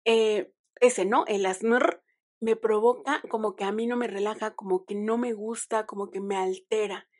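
Young mexican woman chatting on her podcast, lively and joking about herself. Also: medium pitch, unhurried. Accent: Mexican Spanish. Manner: chatty and expressive, self-mocking. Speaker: podcast host. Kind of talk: casual chat.

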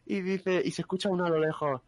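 High-voiced guy, animated. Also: quick pace, background noise. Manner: animated retelling, acts out shouted quotes. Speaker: podcast co-host. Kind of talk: casual chat.

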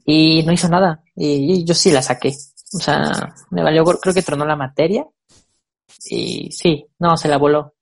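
A young woman with a Mexican accent, telling stories in a relaxed, casual chat full of fillers. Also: sits low, moderate pace, creaky. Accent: Mexican Spanish. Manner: relaxed storytelling with many fillers.

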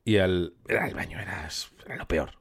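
Lively young podcaster. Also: male voice, sits low, fairly quick. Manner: animated storyteller, acts out voices. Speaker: podcast co-host. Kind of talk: casual chat.

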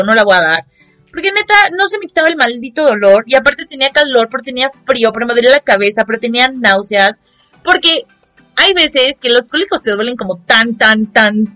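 Young Mexican woman, vlogger, high-ish voice, dramatic and expressive, faint music under her. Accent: Mexican Spanish. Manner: expressive, dramatic, acts out quotes in mocking voices. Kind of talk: casual storytelling vlog.

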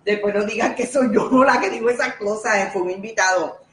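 Lady radio host joking around, echoey room, bit of noise behind. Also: mid-range voice. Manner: playful, teasing, quick asides and apologies. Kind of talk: casual chat on a radio show. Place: station kitchen. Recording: roomy echo, faint background noise.

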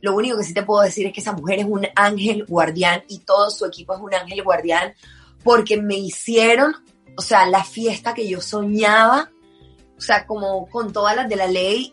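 A woman's voice: medium pitch, a bit bright. A Colombian woman in her thirties telling a personal story in a casual, emotional way, full of filler words.

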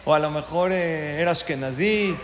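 A man giving a storytelling sermon, an animated teacher who keeps asking his listeners questions. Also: on the high side, normal speed. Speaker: religious teacher. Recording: echoey hall with long reverb.

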